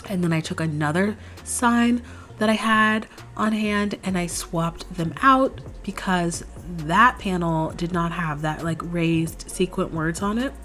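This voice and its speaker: Her voice lowish and slightly hoarse from a cold she's shaking off, a young DIY craft host narrates a casual step-by-step tutorial. She keeps a measured pace and a chatty, relaxed tone, explaining each step, with faint background music.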